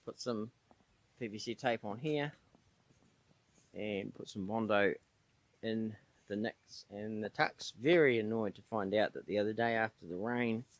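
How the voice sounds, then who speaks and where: With a mid-range voice, a middle-aged New Zealand man with the local accent runs a relaxed channel where he fixes his own boat. He sounds tired as he chats casually and reasons aloud along the way.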